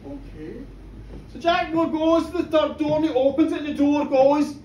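A man's voice: very high voice, fairly even intonation, fairly quick, a little mellow, slight background noise. A male storyteller telling a folk tale to a live audience in a pub, playful and questioning the crowd, recorded from a distance in an echoey room. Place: pub venue, live show.

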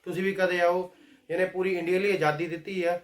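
A man's voice: sits high, little pitch movement, a little fast. A man from Punjab with a Punjabi accent, talking casually and proudly to camera with some English phrases. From Punjab, India. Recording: loud background noise.

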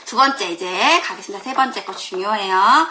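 Lively bright-voiced woman teaching pronunciation. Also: medium pitch, moderate pace, a little hiss or hum. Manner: lively, demonstrates sounds loudly with exaggerated tones; laughs often, talks directly to viewers. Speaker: Chinese teacher. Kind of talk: live online pronunciation lesson.

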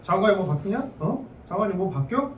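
A man in his fifties acting a bitter senior officer in a comedy sketch, gruff, grumbling and swearing. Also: high voice, big pitch swings, brisk, a little hiss or hum. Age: 50s. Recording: echoey room, mic at a distance.

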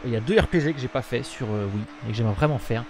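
A mid-range male voice talking very fast. A young man rambles casually on a live stream from his room, full of fillers, on a webcam setup, with game sound making the stream noisy.

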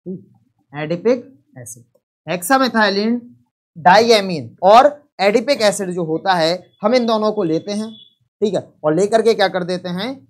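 A man teaching a live online chemistry lesson, repeating each point and quizzing students. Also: high-pitched.

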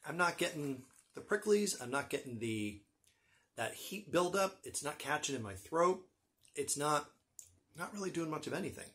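A middle-aged man with a husky voice gives a casual, wry snack review with dry humor. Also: fairly high pitch, expressive, normal speed, fairly bright tone. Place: small room with bookshelves, indoors.

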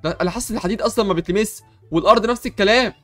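A man's voice: sits high, rapid-fire, a bit bright, faint music behind. A young man with an Egyptian Arabic accent, hosting an improvised game role-play with comic panic and bluster.

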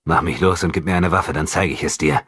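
A man reading an audiobook, voicing a chained prisoner who speaks in a raised, forceful, scornful way. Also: deep voice, fairly even intonation, a little fast, breathy edge, no room sound, studio quality. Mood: defiant. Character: defiant chained male prisoner, bitter and scornful.

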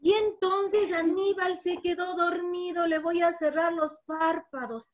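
A woman's voice: extremely high pitch, steady tone, measured pace, highs cut off, heavy background noise. A woman, a preschool teacher telling a playful story and guiding young children in a lesson. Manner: playful, sing-song, with frequent laughs.

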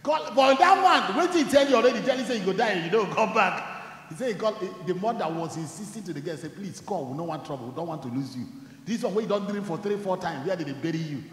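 A man preaching a sermon, shifting from quiet storytelling to loud shouted declarations. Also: high-pitched, lively intonation, quick pace. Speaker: pastor. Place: church hall. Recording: echoey church hall.

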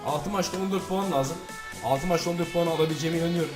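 A man hosting a gaming channel, loudly commentating his own football match and swearing at it. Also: fairly high pitch, fast, music in the background. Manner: swears loudly and shouts at the game. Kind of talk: live gameplay commentary.

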